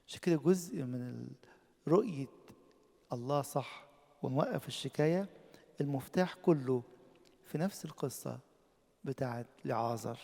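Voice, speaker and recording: A man with an Egyptian Arabic accent preaching a sermon, impassioned, swinging from loud emphatic peaks to quiet low lines. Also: creaky, long reverb tail.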